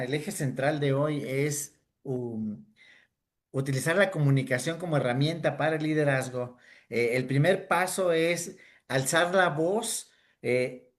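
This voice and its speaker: A man answering a panel question methodically, with some filler hesitations, over a video call. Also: on the high side. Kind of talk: structured answer in an online panel.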